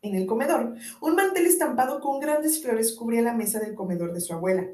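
A woman narrating a romance novel in an expressive audiobook reading and voicing the dialogue herself. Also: a little high, brisk, far from the mic. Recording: roomy echo.

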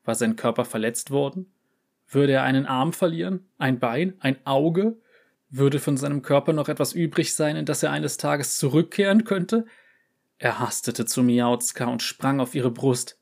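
A man narrating a short story aloud in a calm, measured way. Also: mid-range voice, creaky.

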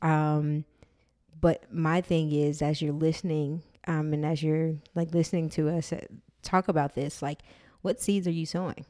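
Low, soothing-voiced woman podcast co-host. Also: little pitch movement, moderate pace, dark tone. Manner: soothing, laid-back, laughs often. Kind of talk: casual faith podcast chat.

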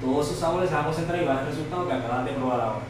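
A man's voice: fairly high pitch, racing. A man with a Puerto Rican accent giving a conversational cooking demonstration as a chef, instructive and repeating key points for emphasis. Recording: echoey room, far mic, background noise.

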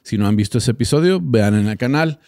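A man's voice: medium pitch, lively intonation, fairly quick, a little mellow, no echo, studio quality. A man from Texas with an American accent, a native English speaker, hosting a casual solo podcast and often hesitating as he searches for words. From Texas, United States. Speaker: podcast host.

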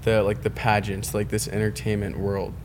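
A man hosting a casual podcast chat, eager and reactive, quick to cheer his guest on and tease her. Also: on the low side, completely flat delivery, a little mellow, a little hiss or hum. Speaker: podcast host.

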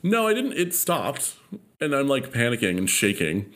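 A man from California telling a road trip story in casual, profane, animated chat. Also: mid-range voice, moderate pace.

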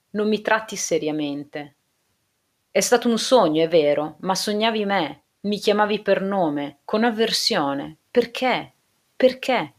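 A woman reading the part of a distraught young woman, pleading through tears in an audiobook. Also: medium pitch. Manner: pleading, trembling. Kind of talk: audiobook dialogue.

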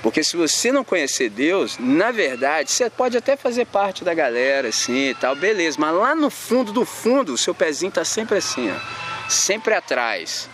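Man, Brazilian accent, youth preacher, slangy informal sermon, very lively pitch, faint noise in the background. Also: normal speed. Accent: Brazilian Portuguese. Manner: slangy, animated, acts out little scenes. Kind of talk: informal sermon to young people.

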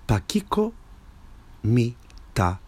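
A man teaching a language lesson, patiently repeating each word slowly and stressing its syllables. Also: mid-range voice, big pitch swings, a little mellow. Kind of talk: slow spoken language lesson.

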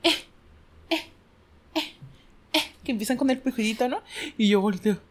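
A woman with a Mexican accent telling a story in casual chat, slangy and animated, acting out quotes. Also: fairly high pitch, normal speed. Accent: Mexican Spanish.

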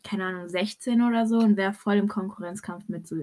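A young woman in casual chat, talking in a slangy, animated way. She throws English swear words into her German and acts out both sides of the stories she tells. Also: mid-range voice, a little fast.

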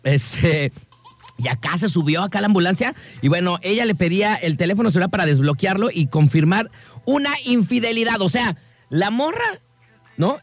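A Mexican radio host jokes his way through the news in loose, slang-filled chat. He fills his pauses with lots of "este" and "eh". His voice sits on the high side over faint background music. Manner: slangy, joking, many fillers. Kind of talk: casual radio talk.

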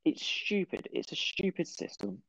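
A young man hosting a casual podcast chat, animated, jumping between topics and mocking other people's voices. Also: a little high, normal speed, creaky, no echo, poor audio. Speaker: podcast host.

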